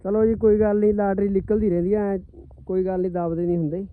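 A man's voice: sits high, level tone, fast talker, clear, resonant tone, narrow, tinny audio. A man with a Punjabi accent chatting casually as a vlog host, in a colloquial way, often tossing questions to companions. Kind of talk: casual outdoor vlog chat with bystanders. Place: outdoors on a farm. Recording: some outdoor ambient and engine noise.

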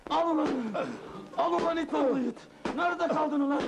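An actor playing a hot-tempered, neurotic male nightclub boss who shouts and complains melodramatically. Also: high-pitched, a little fast, vocal fry, rough recording. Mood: raging.

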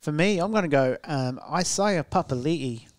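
A man's voice: fairly high pitch, animated, normal speed, dry recording, clean studio sound. A man with a broad New Zealand accent hosting casual sports banter in a blunt, sweary, matey way on a headset mic. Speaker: podcast host. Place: small indoor podcast setup, backdrop and curtains.

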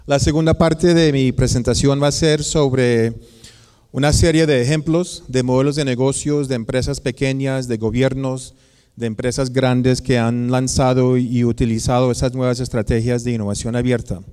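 A man's voice: medium pitch, fairly even intonation, moderate pace, darkish tone, smooth. A man in his forties, raised in the United States, giving a conference lecture at a podium mic with frequent hesitations and fillers. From Colombia, raised in the United States. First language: Spanish kept as heritage language, raised in English. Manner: hesitant, many filler sounds and restarts. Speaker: guest lecturer, business professor. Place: large auditorium with audience. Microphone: podium microphone. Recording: long reverb of a large hall.

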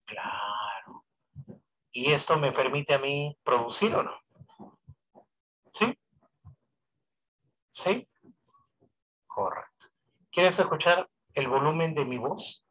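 A man teaches an online economics class through a voice amplifier, constantly throwing rhetorical questions at his students and repeating points for emphasis. His voice is a little high and a bit bright, with lively intonation, a slow pace and long pauses. The recording is low quality.

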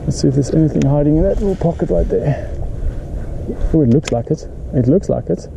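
A young man in his late teens with a South African accent, excitedly filming himself fishing from a boat, whooping and repeating himself when fish bite. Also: on the high side, fairly quick, vocal fry. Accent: South African English. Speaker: fishing vlogger. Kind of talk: excited outdoor fishing vlog. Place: outdoors on a small boat on a weedy lake. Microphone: head-mounted action camera. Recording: outdoor wind and water noise.

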